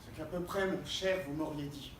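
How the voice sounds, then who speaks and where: A man's voice: steady tone, normal speed, close to an everyday voice. A man acting as a proud, witty, mocking swordsman-poet in a hammy, declamatory theatrical verse monologue. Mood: scornful pride. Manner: hammy, declamatory, swinging between hushed asides and booming cries. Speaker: stage actor. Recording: roomy, distant mic, faint background noise.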